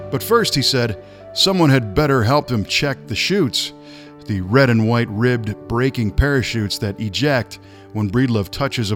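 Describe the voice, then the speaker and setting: A man reading a nonfiction story aloud in a measured, dramatic way. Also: mid-range voice. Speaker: narrator. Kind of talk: scripted nonfiction narration.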